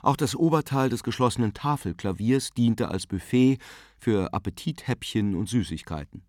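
A man narrating a literary story with an expressive, varied delivery, recorded close on a studio mic. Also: mid-range voice, normal speed, no room sound. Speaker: audiobook narrator. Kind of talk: scripted narration.

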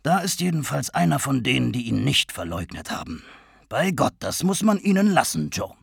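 A man's voice: mid-range voice, sing-song, normal speed, creaky, breathy edge, no room sound, studio quality, voice pushed up, heavily acted. A man voicing a hearty, blustering Irish canvasser who swears and talks with emphasis.

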